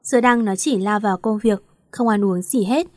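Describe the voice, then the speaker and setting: A sorrowful, fussing middle-aged aunt from a romance audiobook, voiced by a woman reader. She talks slowly in a motherly way. The voice is at a middle pitch with a dry, close sound. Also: a little mellow, dry recording, lightly acted.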